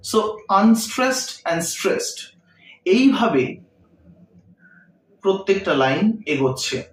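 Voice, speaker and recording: A man teaching a literature lesson, explaining in short, measured phrases and mixing in English terms. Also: on the high side. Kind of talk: literature lecture. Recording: roomy echo, mic set far off.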